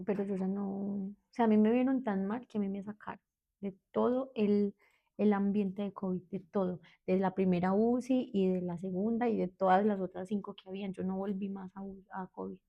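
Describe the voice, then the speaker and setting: Heard through dull audio, a woman in her thirties speaks at a moderate pace with medium pitch, fairly even intonation and vocal fry. A therapist with a Medellín Colombian accent, she's a guest sharing her personal story frankly, hesitating and restarting frequently.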